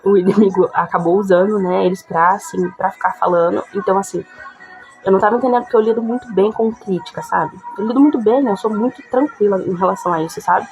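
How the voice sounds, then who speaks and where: A woman gives a personal testimony of faith with a middle pitch, talking plainly and checking in with her listeners as she goes. Faint music plays quietly behind her voice. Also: fast, low-quality recording. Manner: conversational, frequent tag questions. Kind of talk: emotional testimony.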